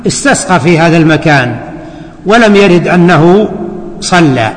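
A man teaching a hadith lesson as a scholar, deliberate and repeating key words for his students. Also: a little high, expressive. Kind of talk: classroom commentary lecture. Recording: long hall reverb.

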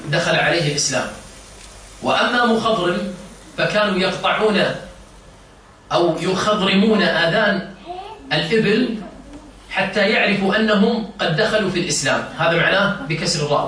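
A high, bright-voiced man leads an informal religious lesson, pausing to quiz his listeners and explain each word. He is heard from a distance in a very echoey room. A faint hiss of noise runs underneath. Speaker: religious teacher. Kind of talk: informal lesson to a seated circle.

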